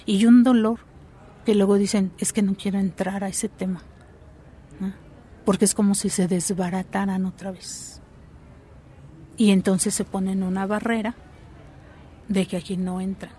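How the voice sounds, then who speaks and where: A woman speaks in a mellow, warm voice, talking through her points patiently and often ending with a quick "¿sí?" or "¿no?". Faint noise sits under the recording. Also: medium pitch, flat delivery. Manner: reflective, explanatory, tag questions. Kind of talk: interview answers.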